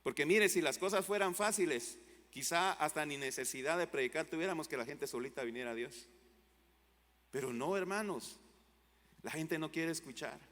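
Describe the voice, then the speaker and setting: A male pastor preaching a sermon, with fervent rises to loud exclamations and drops to low, quiet lines. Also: normal speed. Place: church hall. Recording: long church hall reverb.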